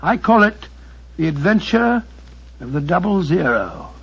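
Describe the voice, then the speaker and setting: An actor playing Doctor Watson, a genial middle-aged doctor who speaks in a chatty, hesitant way on a 1940s radio broadcast. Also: male voice, high voice, big pitch swings, unhurried, breathy edge, muffled recording, heavily acted. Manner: hesitant, chatty, then earnest and appealing. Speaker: storyteller giving a closing appeal.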